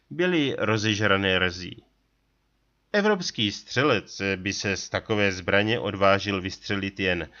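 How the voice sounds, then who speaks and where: A man reading an adventure story aloud in a steady, deliberate narrating style. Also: on the low side, dull audio. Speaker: audiobook reader.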